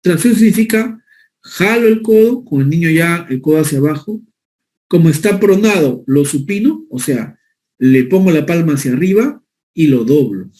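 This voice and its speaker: A man delivering a medical lecture in a mellow, somewhat high voice. He explains step by step and keeps checking that his listeners follow along. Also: lively intonation, moderate pace. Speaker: physician lecturer.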